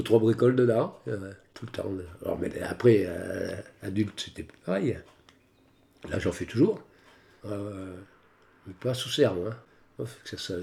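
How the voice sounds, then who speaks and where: A man's voice: medium pitch, dark tone. A man in his fifties, a rural gardener, chatting emphatically and repeating himself. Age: 50s. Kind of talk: casual chat.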